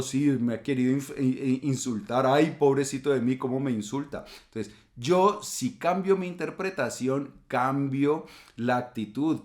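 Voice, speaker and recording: Male host, middle-aged, calm and explanatory, mid pitch, reflective channel talk. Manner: calm explanatory, acts out quoted insults.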